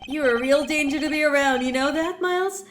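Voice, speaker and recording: A woman's voice: high-pitched, fairly quick, fairly bright tone, voice pushed up. A woman voicing a smug, scheming male villain in a mystery game, taunting and gloating, with music under her voice. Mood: sneering. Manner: mocking, gloating, sneering.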